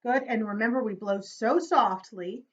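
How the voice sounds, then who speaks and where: A woman's voice: fairly high pitch, moderate pace, lo-fi sound, very noisy. A woman teaching children a recorder lesson, encouraging them and chanting rhythms aloud. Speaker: music teacher.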